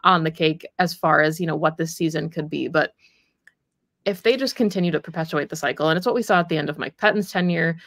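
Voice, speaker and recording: A woman's voice: low-pitched, quick pace, fairly bright tone, no echo, clean studio sound. A young woman co-hosting a sports podcast, talking casually with lots of "like" fillers. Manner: conversational, frequent "like" fillers. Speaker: podcast co-host.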